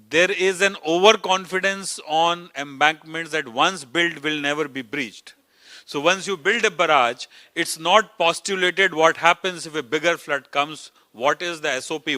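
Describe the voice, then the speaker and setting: Bright-voiced man lecturing. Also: mid-range voice, no echo. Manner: measured, emphatic, with fillers and pauses. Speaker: conference panelist. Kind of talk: academic panel talk. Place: conference hall.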